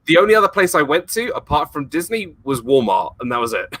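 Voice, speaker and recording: A guest on a casual livestream, a YouTuber who once worked at a theme park, talks in a slightly high, fairly bright voice. He's very animated and quick, rambling enthusiastically and laughing often.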